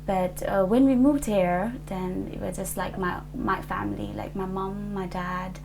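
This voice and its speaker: A woman's voice: mid-range voice, fairly even intonation, measured pace, creaky, over music, poor audio. A woman in her twenties from Nepal, answering an oral history interview hesitantly, with many fillers and restarts. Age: 20s.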